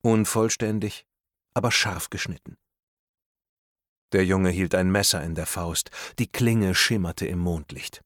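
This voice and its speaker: A man reading a thriller audiobook aloud in a tense, measured storytelling manner. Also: low-pitched, a bit bright, dry recording, clean studio sound. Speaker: audiobook narrator. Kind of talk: scripted narration of a thriller.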